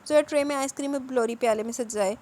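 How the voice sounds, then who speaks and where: A woman reading a romance novel aloud as narrator, in steady scripted narration. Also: high voice.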